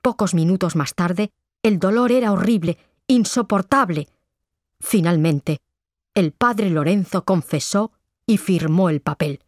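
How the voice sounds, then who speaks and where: A woman narrating a simple story slowly and clearly. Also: lowish voice, darkish tone, no echo, studio quality.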